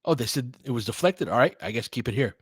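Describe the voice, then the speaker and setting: Quick-paced and expressive, with a mid-range, slightly rough voice, a fan commentator calls basketball casually, weaving play calls together with opinionated chat and coaching the players aloud. The sound is dry and clean, studio quality.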